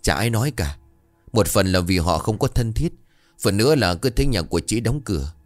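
A man's voice: lowish voice, animated, a little fast, no room sound, faint music behind, natural voice. A man voicing a caring, talkative older wife who frets over her husband. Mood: hushed.

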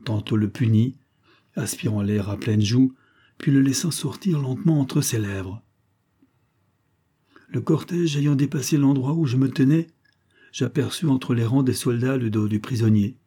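A man reading a literary story aloud as an audiobook narrator, in a measured, grave way. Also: medium pitch, warm tone. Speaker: audiobook reader.

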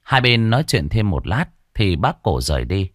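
A man narrating a ghost story with steady storytelling and lively intonation. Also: fairly low pitch, moderate pace, no echo, studio quality.

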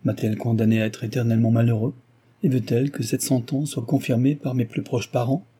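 A man's voice: medium pitch, little pitch movement, fairly quick, mellow, slightly rough, lightly acted. A man voicing an ardent, passionate young suitor in an audiobook, pleading with energy. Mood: impassioned. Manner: impassioned, pleading.

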